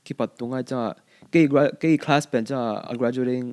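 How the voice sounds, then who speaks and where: A young man, a university student, answering podcast questions in halting, casual chat. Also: medium pitch, little pitch movement, darkish tone, clear, resonant tone. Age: young adult.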